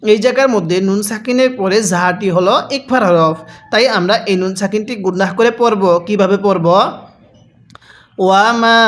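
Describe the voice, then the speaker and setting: A male religious teacher giving a recorded lesson step by step. He keeps asking how to read a phrase, then chants it very slowly and drawn out before explaining. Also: high-pitched. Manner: asks himself how to read, then answers.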